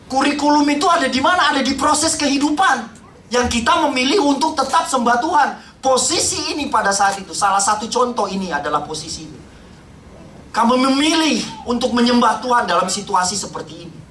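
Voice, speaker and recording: A middle-aged man giving an emotional church testimony, speaking straight to the congregation and sometimes dropping to a hush. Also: very high-pitched, a little fast, a little hiss or hum. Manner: impassioned, addresses the congregation directly, drops to hushed tones. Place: church hall. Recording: roomy hall, voice from far off.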